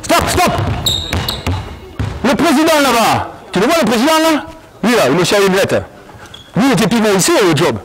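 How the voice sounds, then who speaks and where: Animated man coaching on court. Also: high voice, fast, rough recording. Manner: animated, commanding, calls out drills. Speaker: basketball coach. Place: indoor gym.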